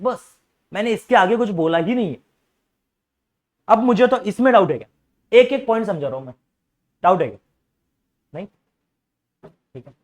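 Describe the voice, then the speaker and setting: A young man teaching a commerce class, repeatedly quizzing students and coaxing them to ask doubts. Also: high voice. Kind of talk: classroom lecture.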